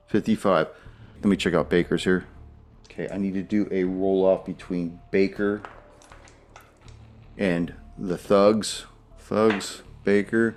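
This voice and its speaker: A man's voice: low voice, fairly even intonation, slow, pauses often, darkish tone. A man narrating a tabletop role-playing game as game master, guiding players through rules and scenes.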